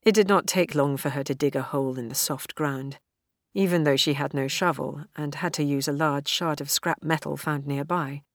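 A woman reading a novel aloud in a measured, even storytelling manner. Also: low-pitched, no echo, clean studio sound. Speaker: audiobook narrator. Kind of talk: scripted narration.

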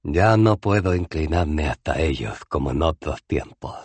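A man voicing a gruff, weary old barbarian hero who has no teeth, in an audiobook. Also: very deep voice, lively intonation, measured pace, darkish tone, no room sound, heavily acted. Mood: wistful. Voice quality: toothless, mumbling. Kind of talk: audiobook character voice.

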